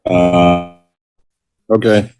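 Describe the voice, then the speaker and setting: Deep-voiced and drawing out his words, a retired forest ranger in middle age recounts rescues during a relaxed interview. He laughs partway through sentences and performs the quotes of the people involved with lively energy.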